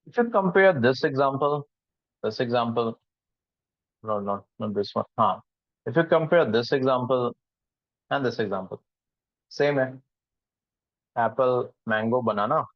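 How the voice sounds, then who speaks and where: A man's voice: medium pitch, unhurried, pauses often, dry recording, highs cut off. A man teaching a live online programming class, switching between English and Hindi and asking the students questions. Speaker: programming instructor.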